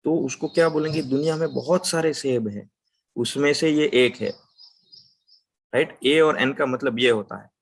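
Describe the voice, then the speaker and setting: Guy teaching english grammar, gravelly voice, keeps checking "right?". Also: mid-range voice. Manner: explains slowly, asks "right?" often, speaks English examples slowly. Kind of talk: spoken grammar lesson.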